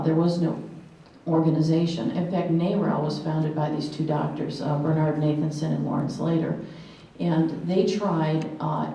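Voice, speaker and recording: Low-pitched and gravelly with a dark tone, a woman in her sixties addresses a live conference audience, telling personal stories earnestly and acting out quotes. The mic is far away in an echoey hall, with a little hiss or hum on the recording.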